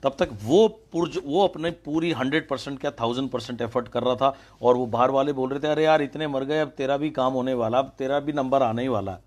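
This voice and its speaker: Animated male motivational storyteller. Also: medium pitch. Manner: animated storyteller, acting out crowd voices, mixing English phrases into Hindi. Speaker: motivational speaker.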